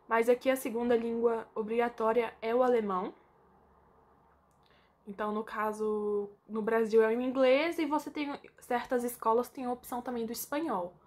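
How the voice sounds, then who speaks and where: A young Brazilian woman with a Brazilian Portuguese accent chats casually to camera in an informal vlog, using plenty of fillers. Her voice sits on the high side, with a steady tone and a brisk pace.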